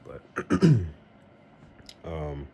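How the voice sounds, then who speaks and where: A young man vlogs faith-based advice in a casual, earnest and somewhat rambling manner. His very deep, warm voice has vocal fry and huge pitch swings, and he speaks very slowly. It's a noisy home recording.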